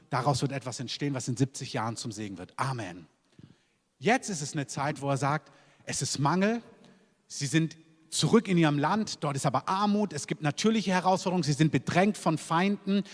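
Preaching man in a reverberant hall. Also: fairly high pitch. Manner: emphatic preaching, repeated "Amen". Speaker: pastor. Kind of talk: sermon.

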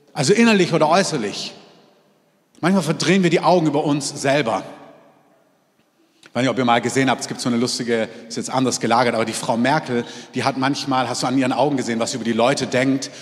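A man preaching a sermon to his congregation, lively, moving between loud exclamations and quiet, intimate asides. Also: mid-range voice, fast, in a large hall. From half French, in Germany. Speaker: pastor. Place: church hall.

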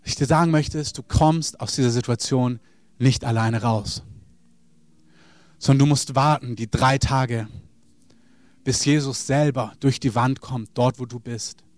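A man's voice: medium pitch, steady tone, a little slow, pauses often, darkish tone, dry recording. A man preaching a sermon, speaking earnestly and addressing the listeners directly.

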